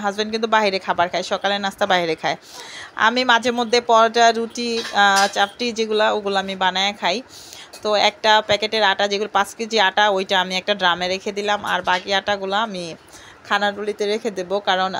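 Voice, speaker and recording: A woman's voice: medium pitch, a bit bright, a little hiss or hum. A woman from Bangladesh, chatting casually to her viewers while sorting groceries at home. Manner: chatty, addresses viewers as friends. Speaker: home vlogger. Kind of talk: casual home vlog narration.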